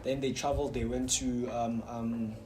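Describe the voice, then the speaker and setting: A man co-hosting a casual podcast chat, animated and quick to laugh. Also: medium pitch. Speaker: co-host. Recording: noisy studio sound.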